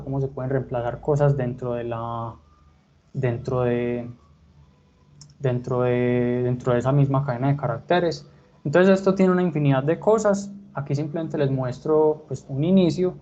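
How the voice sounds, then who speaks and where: A man's voice: on the high side, darkish tone, lo-fi sound. A man teaching programming who thinks aloud while he types code, with many restarts and fillers. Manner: hesitant, many restarts and fillers like "pues" and "entonces". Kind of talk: live coding lesson.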